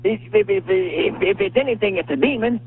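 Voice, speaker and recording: A man's voice: high-pitched, brisk, a little hiss or hum. A man calling in to a radio show, ranting in a preachy, indignant tone and stammering over his words. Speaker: caller. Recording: tinny phone line on radio.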